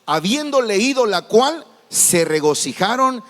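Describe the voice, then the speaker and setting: A male pastor delivers an animated sermon in a high voice, swinging between soft asides and loud exclamations. His words ring out in a big hall with a long reverb. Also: a little slow. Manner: animated preaching, acts out congregation voices.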